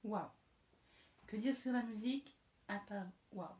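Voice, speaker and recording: A woman's voice: medium pitch, unhurried, a little mellow. A young woman vlogging casually to camera, chatty and self-mocking, stumbling over names and muttering to herself as she fidgets. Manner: fidgets and moves around on camera. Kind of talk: casual talking-head vlog. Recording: echoey room, faint hiss.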